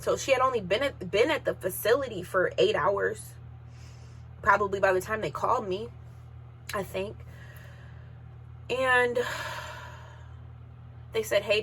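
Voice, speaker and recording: A woman's voice: medium pitch, fairly bright tone, slight background noise. A woman in her thirties hosting a podcast, telling a personal story in an emotional, sometimes tearful way while holding back tears. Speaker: podcast host.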